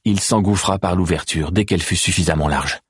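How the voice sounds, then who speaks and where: A man narrating a dark novel in a measured, even audiobook reading. His voice is very deep and husky, and the recording is close and completely dry. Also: no room sound. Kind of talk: scripted narration.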